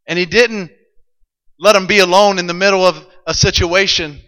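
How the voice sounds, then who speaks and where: A male preacher telling a Bible story to a congregation, building from calm narration to excited shouts. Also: high voice, moderate pace. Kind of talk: sermon. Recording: long hall reverb.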